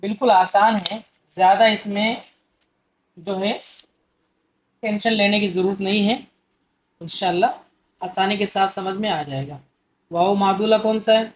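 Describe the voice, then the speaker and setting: A man's voice: high-pitched, steady tone, measured pace, pauses often. A man teaching an Urdu exam-prep lesson, explaining patiently and asking questions that he answers himself. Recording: muffled lo-fi audio.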